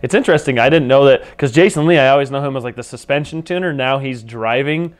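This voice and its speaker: A man's voice: medium pitch, fast talker, smooth. A man co-hosting with a West Coast American accent, enthusiastic and filler-heavy in casual talk. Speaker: co-host.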